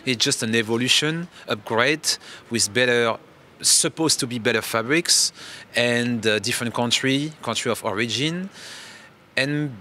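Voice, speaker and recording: A man's voice: medium pitch, a little slow, pushed and bright. A French man speaking English as a second language in a casual interview, reflective and restarting his phrases often. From France. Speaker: interview guest.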